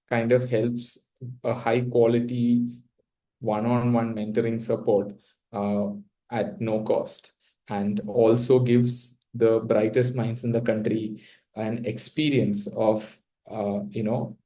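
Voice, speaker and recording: A young man with a South Indian accent, telling his own story in a reflective, casual way with hesitant pauses mid-sentence. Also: medium pitch, flat delivery, warm tone, low-quality recording. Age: young adult. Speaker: interview guest.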